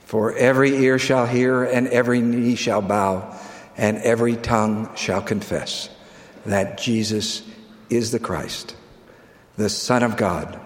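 Slow, solemn man in echoing hall. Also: medium pitch. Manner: slow, solemn, with sweeping rises and falls. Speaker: church leader. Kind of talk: sermon. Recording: echoey hall with long reverb.

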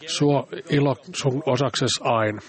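A man reading a sermon aloud in a calm, measured way, now and then stumbling over a word. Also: medium pitch. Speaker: church speaker.

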